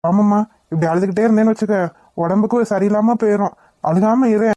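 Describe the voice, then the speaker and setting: Woman doing a practical cartoon husband, quick and matter-of-fact. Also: medium pitch, mellow, dry recording, close to an everyday voice. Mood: brisk. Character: middle-aged husband, practical and brisk. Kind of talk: cartoon voice acting.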